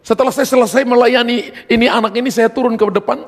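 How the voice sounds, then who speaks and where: Speaking fast in a very high, steady voice, this man preaches as a pastor, calling the congregation his brothers and telling his own testimony with emphatic storytelling. A long reverb from the hall surrounds him.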